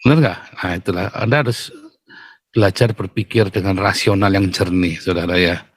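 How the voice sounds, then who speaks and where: A middle-aged man, preaching a fiery sermon in a blunt, mocking, booming way. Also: steady tone, normal speed, slightly rough, dry recording. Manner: blunt, mocking, booming, addresses listeners as "saudara".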